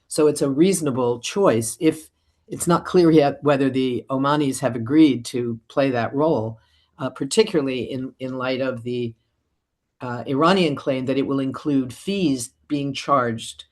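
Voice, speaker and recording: A woman's voice: extremely low pitch, darkish tone. A woman political analyst giving long, fluent answers in a radio interview, with occasional fillers.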